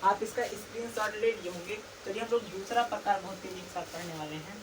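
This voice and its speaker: Female teacher, mid pitch, set back from the mic, faint hiss, asks and answers her own questions. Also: fairly even intonation, fast talker. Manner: asks questions and answers them herself, repeats key terms. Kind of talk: recorded classroom lesson. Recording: distant mic with faint background noise.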